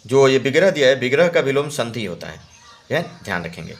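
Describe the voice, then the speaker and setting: With big swings in pitch around an ordinary middle voice, a male Hindi exam-prep teacher moves a little fast through a practice test's answers. He repeats each key word and keeps confirming his listeners follow.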